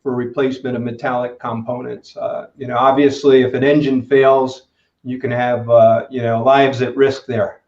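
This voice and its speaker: Halting man explaining, roomy dull sound. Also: mid-range voice, flat delivery, darkish tone. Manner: halting, many "uh" and "you know" fillers. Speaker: guest expert in materials engineering. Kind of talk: conversational interview answers.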